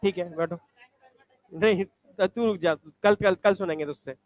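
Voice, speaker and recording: A male teacher quizzing students in a classroom, briskly ordering them to stand up and recite examples. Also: high-pitched, dry recording.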